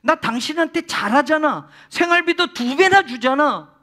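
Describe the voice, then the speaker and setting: A fond, baffled husband, as a preacher acts him out, pressing his wife with question after question. The voice sits high and bright, coaxing rather than harsh. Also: animated, normal speed, exaggerated voice. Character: doting, puzzled husband questioning his wife's tears.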